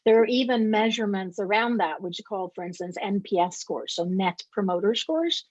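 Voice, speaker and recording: A middle-aged woman from Sweden answers interview questions, laying out her points emphatically and often checking in with "right?". Her voice sits at an ordinary pitch for a woman. The recording is dry and a little dull, like a lo-fi call. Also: animated, brisk, a little mellow, no echo. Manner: explanatory, emphatic, with repeated rhetorical "right?". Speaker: interview guest, company co-founder. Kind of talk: conversational interview.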